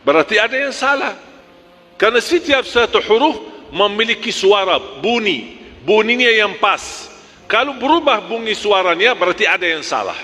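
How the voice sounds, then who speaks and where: A man's voice: high voice, lively intonation, moderate pace, pushed and bright, in a large hall. A man teaching Quran recitation, drilling letters one by one and chanting examples, correcting sharply.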